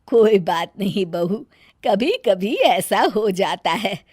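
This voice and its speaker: Woman playing a calm, slow-spoken mother-in-law. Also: medium pitch, husky, dry recording, clean studio sound. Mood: gently advising. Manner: slow, calm, gently admonishing. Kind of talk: storybook character voice.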